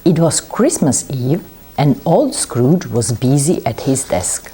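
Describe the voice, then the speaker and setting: A woman reading a classic tale aloud in simple, deliberate phrases for learners. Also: a bass voice, big pitch swings, dark tone. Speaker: library English consultant.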